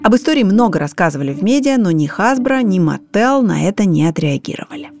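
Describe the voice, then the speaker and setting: A woman's voice: medium pitch, sing-song, quick pace, darkish tone. A woman giving explanatory, scripted documentary narration. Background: background music.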